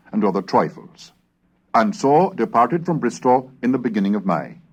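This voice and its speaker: In a scripted, declamatory style, a man with a medium-pitched voice gives a formal, measured reading of historical English texts.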